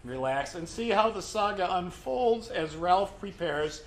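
A man's voice: high voice, unhurried, rough recording. A man giving a wry curtain speech to a live theater audience, chuckling at his own jokes as he introduces the show. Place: theater stage. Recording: live theater recording with steady background noise.

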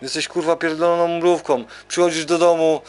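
A man's voice: fairly high pitch, fairly even intonation, a little fast, smooth. A man ranting in a loose, rambling way, repeating himself and swearing constantly. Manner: rambling, repetitive, heavy swearing. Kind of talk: profane rambling rant and freestyle rap. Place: recording studio.

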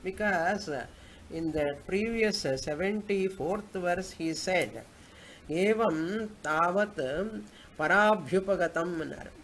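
A man's voice: high voice, slow pace, fairly bright tone, rough recording. A man with a South Indian accent teaching a scripture class, explaining didactically by asking and answering his own questions. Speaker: Vedanta teacher. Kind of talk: spoken scripture class with chanted Sanskrit verses. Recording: clear background noise.

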